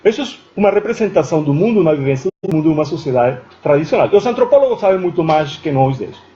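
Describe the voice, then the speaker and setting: A man's voice: fairly high pitch, expressive, fast, mellow, a little hiss or hum. A man giving an academic lecture, thinking aloud with restarts and often checking in with "certo?" after his points. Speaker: guest lecturer. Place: university lecture room. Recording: dull lo-fi recording.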